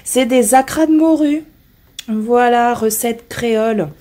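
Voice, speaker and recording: Chatty hoarse woman, soft-toned. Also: on the high side, measured pace. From France. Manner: chatty, rambling, many fillers and restarts. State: hoarse from illness. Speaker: vlogger showing her groceries. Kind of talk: casual chat to camera.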